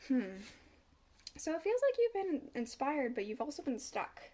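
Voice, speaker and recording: A woman with a high, mellow voice and big swings in pitch talks at normal speed through a casual tarot reading on camera. Stuffed up and coughing slightly from a cold, she muses aloud as each card turns.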